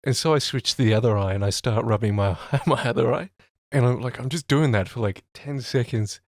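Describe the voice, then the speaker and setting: A young man casually telling an animated, self-mocking anecdote about his retail job. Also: medium pitch, a little fast, no echo, clean studio sound. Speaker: retail worker.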